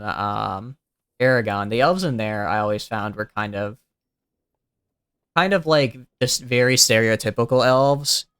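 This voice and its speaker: With a smooth, clean, youthful voice at medium pitch, a young male streamer rambles through relaxed gameplay commentary. He thinks aloud, filling it with fillers and restarts. The close, dry recording has no room sound or echo.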